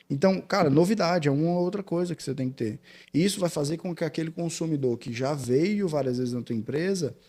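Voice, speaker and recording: A Brazilian man speaking as an interview guest, explaining sales in a relaxed, casual way. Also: fairly high pitch. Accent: Brazilian Portuguese. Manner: relaxed, explanatory, addresses listener as "cara". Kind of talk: casual conversation.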